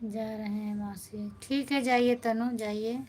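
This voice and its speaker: A woman hosting a casual live stream from a phone, reading viewers' comments and gently soothing them, calling them brother and sister. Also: a little high, steady tone, unhurried. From India.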